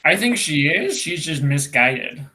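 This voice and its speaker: A man with a fairly high, very bright and forceful voice plays a tabletop game. His talk is casual table chat. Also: big pitch swings, a little slow.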